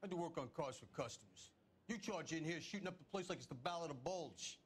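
An actor playing a middle-aged crooked car dealer in a 1940s crime game, defensive and sarcastic, talking in streetwise old slang. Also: male voice, a little high, expressive, quick pace, slight background noise, natural voice.

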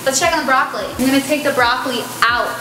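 A woman's voice: high-pitched, rapid-fire, noisy background. Chatty young woman in an echoey kitchen. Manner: chatty, exclaiming, self-mocking. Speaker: vlogger cooking in her kitchen. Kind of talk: casual cooking vlog. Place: home kitchen, indoors. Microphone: camera mic, medium distance. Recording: echoey kitchen with background music.

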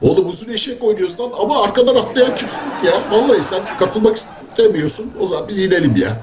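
A man's voice: high-pitched, lively intonation, fast, crowd noise. A man voicing an eager, slangy buddy dog in a comedy voice-over of pet videos. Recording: voice-over with loud background music.

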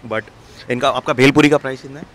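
A young man hosting a casual street food vlog outdoors, asking quick questions and praising the food with enthusiasm. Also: mid-range voice, steady tone, a bit bright, slight background noise. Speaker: food vlogger host. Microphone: handheld lapel mic.

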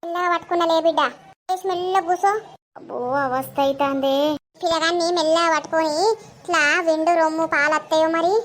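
A woman's voice: extremely high pitch, steady tone, quick pace, background noise. A woman voicing a tired, fussing mother-in-law in a village cartoon, with a Telangana Telugu accent and a fretting, grumbling way of talking.

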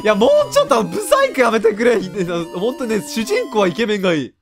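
A young man giving loud, joking let's-play commentary, often laughing and shouting at the screen. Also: very high-pitched, wildly swooping pitch, fast talker, faint music behind. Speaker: game commentator.

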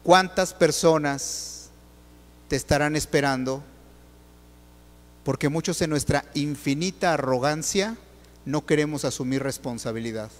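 A man's voice: on the high side, unhurried, pauses often. A man preaching a sermon, firing rhetorical questions straight at the congregation. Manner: questions the audience directly, rhetorical and animated. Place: church. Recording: long hall reverb.

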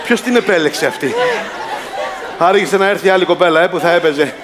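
A high-voiced man clowning as a game-show host, full of laughter and teasing scolds. He talks over a loud crowd and heavy noise. The whole thing has the feel of a comic parody among friends.

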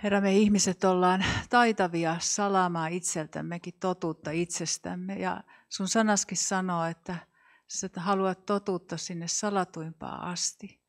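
Give me a woman with a lowish voice praying softly and hesitantly. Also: steady tone. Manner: soft, hesitant, with fillers. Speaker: prayer leader. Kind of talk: spoken prayer and prophetic word.

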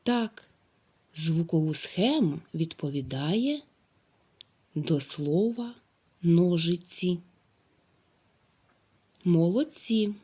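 A woman teacher giving a recorded phonics lesson to young children, speaking slowly and spelling out each sound clearly. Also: lowish voice, animated, warm tone. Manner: slow, drawn-out, clearly articulated speech for young children. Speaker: primary school teacher.

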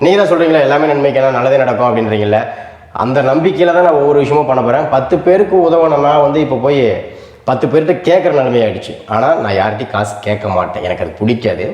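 A man's voice: medium pitch, a little mellow, reverberant. A man, a family vlogger, talking earnestly to his viewers in a casual vlog from a rented home.

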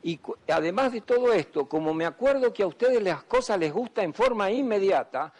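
A man's voice: sits high, lively intonation, fairly quick, a little mellow. A man, a doctor giving an emphatic public talk to students and often asking them questions. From Argentina. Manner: asks the audience questions, emphatic.

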